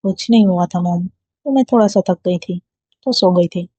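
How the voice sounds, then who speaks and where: A woman's voice: fairly low pitch, dark tone, husky, no echo. A woman reading a storybook voicing a proud young college woman who gets defensive easily. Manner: defensive, quick to bristle. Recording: dull lo-fi dry recording.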